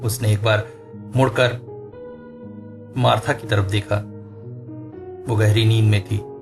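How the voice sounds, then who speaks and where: A man narrating a horror story in a slow, suspenseful storytelling manner. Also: lowish voice, fairly even intonation, creaky. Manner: slow, suspenseful, rising in tense moments. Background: faint music.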